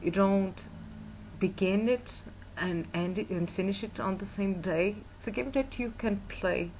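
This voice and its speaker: A woman's voice: mid-range voice, measured pace, a little mellow, slight background noise, low-quality recording. A woman from Portugal, a teacher, giving a spoken video review with many fillers and restarts. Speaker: English and German teacher. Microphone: built-in webcam mic.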